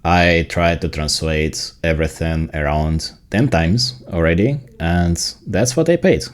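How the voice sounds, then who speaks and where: A native Ukrainian man with an extremely deep voice and a Ukrainian accent, a tech video creator, walks through software in a casual tutorial. He speaks a little slowly and explains things, leaning on the points that matter.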